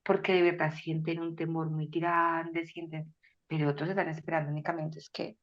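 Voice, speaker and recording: Lively woman, lowish voice. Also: normal speed, muffled recording. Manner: animated, acts out quoted voices with sudden loud exclamations. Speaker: guest speaker. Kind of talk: faith-based podcast conversation.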